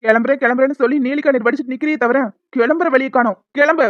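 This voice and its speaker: Woman doing a hot-tempered young cartoon man, rapid scolding, higher voice, dry dull recording. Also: fairly even intonation, no room sound, close to an everyday voice. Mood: angry. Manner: scolding, fast. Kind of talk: cartoon dialogue.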